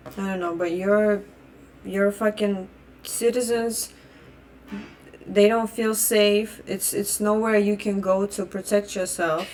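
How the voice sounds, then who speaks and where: Speaking slowly with a darkish tone and medium pitch, this Russian vlogger keeps her intonation fairly even while she rants. She's a young adult native Russian speaker, bluntly venting opinions with lots of swearing, heat and repeated restarts, over a faint hiss or hum.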